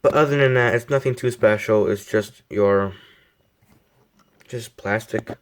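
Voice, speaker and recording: A young man with a fairly low voice talks through a model car review in a loose, rambling way. He circles back over the same points and makes fun of himself as he goes. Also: a little slow. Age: young adult. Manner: rambling, self-deprecating, repeats himself. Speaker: die-cast model reviewer. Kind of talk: casual product review.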